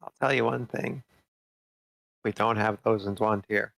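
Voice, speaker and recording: A man's voice: fairly low pitch, steady tone, unhurried, vocal fry, fairly bright tone, no echo. A man playing a tabletop game, laid-back and joking. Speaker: player.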